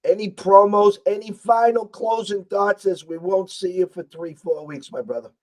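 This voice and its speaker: An American man with a hoarse, strained voice that is nearly gone, hosting a casual sports betting talk show. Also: sits high, moderate pace. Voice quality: husky, strained voice. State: hoarse, losing his voice.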